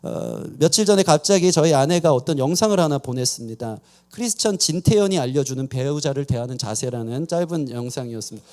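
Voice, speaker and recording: A man's voice: mid-range voice, lively intonation, fairly quick, few pauses, darkish tone. A man preaching a sermon as pastor, telling stories about his own marriage with self-deprecating humor. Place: church sanctuary.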